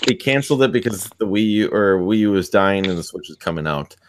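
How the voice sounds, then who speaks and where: A man talks through a casual video call, wandering through his point with restarts and fillers. His voice sits a little low. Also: expressive, fast, noisy background. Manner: rambling, many restarts and fillers.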